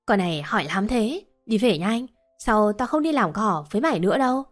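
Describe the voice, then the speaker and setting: A woman's voice: medium pitch, lively intonation, a little fast, lightly acted. A woman voicing a blunt, scolding but caring old village woman, over faint music.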